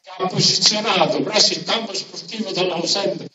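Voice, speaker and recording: Male local politician, booming and emphatic campaign speech in a town square, echoey, dull lo-fi sound. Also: fairly quick. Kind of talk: impassioned public rally speech. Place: large town square at night, outdoors. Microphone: stand microphone through PA, filmed by far camera. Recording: echoey distant lo-fi outdoor PA, crowd noise.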